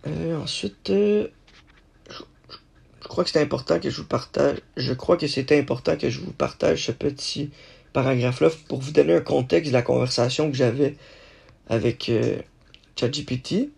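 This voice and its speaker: A man hosting a solo podcast, thinking aloud in a halting way with many restarts. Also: a little high, creaky, a little mellow, breathy edge. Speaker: podcast host.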